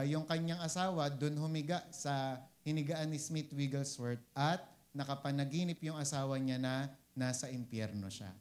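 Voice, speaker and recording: A man's voice: a little high, a little mellow. Filipino-accented man preaching casually. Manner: conversational, keeps asking "di ba?", mixes English phrases. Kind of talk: casual sermon.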